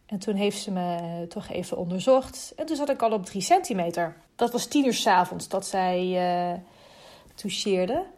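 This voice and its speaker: A young woman calmly telling the story of giving birth, in a reflective, soft-spoken way. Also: medium pitch, moderate pace. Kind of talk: casual personal storytelling.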